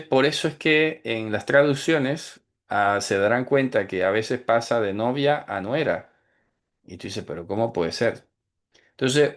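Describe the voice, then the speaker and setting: A man giving a religious teaching, explaining in a conversational way and slowing down to stress key words. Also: lowish voice. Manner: explanatory, asks "¿vale?" and "¿sabes?" often, slows to stress key words. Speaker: teacher of Torah commandments. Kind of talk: recorded teaching talk.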